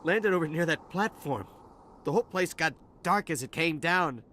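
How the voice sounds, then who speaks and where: A stammering, frightened dockworker. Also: male voice, on the high side, animated, normal speed, bright, forceful tone, slight background noise. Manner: stammering, shaken. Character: nervous male dockworker, frightened survivor. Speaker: game character. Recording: game audio with music behind.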